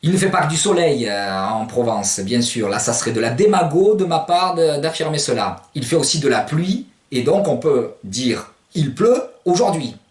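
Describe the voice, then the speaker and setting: A man's voice: fairly high pitch, big pitch swings, moderate pace, hardly any pauses, a little mellow. A man giving a recorded language lesson, explaining words patiently and spelling them out letter by letter. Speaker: language teacher. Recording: roomy, distant from the mic.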